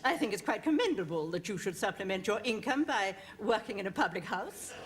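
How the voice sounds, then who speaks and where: A woman's voice: mid-range voice, animated, a little fast, heavy background noise, lightly acted. An actress playing a haughty, imperious married woman who orders drinks in a pub in a 1970s sitcom. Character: haughty middle-aged married lady. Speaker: pub customer. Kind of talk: 1970s studio sitcom acting.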